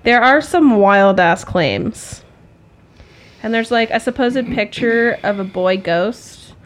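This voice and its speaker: A woman's voice: a little high, slow pace. A woman co-hosting a podcast, chatting casually, laughing often and poking fun at herself. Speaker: podcast co-host.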